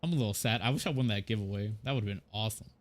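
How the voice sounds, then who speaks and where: 20s guy from mexico streaming a game, lowish voice, chill and chatty, kinda hesitant. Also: very fast. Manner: relaxed, chatty, a bit hesitant. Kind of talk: casual gameplay chat.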